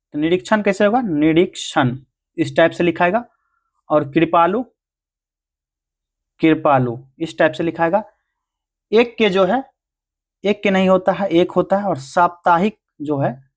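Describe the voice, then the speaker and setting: A man with a somewhat high voice teaches a grammar lesson for exam preparation. He works through each answer step by step. He poses questions and answers them himself. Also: measured pace, pauses often.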